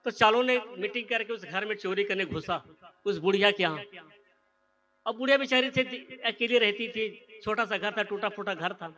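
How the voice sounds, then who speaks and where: This is a male preacher, delivering a sermon. His voice sits high and bright. He tells a parable and gives each character their own spoken lines. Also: normal speed. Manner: storytelling, acts out the characters' lines.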